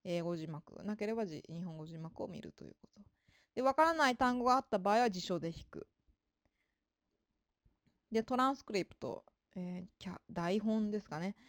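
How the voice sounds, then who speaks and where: A woman explaining how to learn a language in a relaxed spoken lesson. Her pitch rises and falls a lot as she talks, and she stays polite, with many fillers. The recording is dry and close. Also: fairly quick, dry recording. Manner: polite, with frequent fillers and emphatic ですね. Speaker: English-learning advisor.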